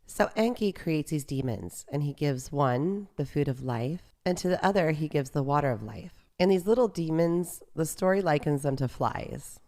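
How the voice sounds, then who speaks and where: Woman host, low voice, gentle and reflective myth storyteller. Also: animated, normal speed, few pauses. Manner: reflective, gentle retelling with asides.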